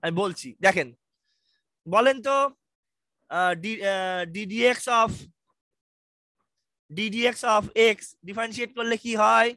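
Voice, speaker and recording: A man's voice: extremely high pitch, slow, long pauses, sharp tone, dry recording. A man with a Bangladeshi Bengali accent teaching a university math lecture online, reassuring and quizzing his students. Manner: reassuring, asks students questions, mixes English terms. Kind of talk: online lecture, casual explaining.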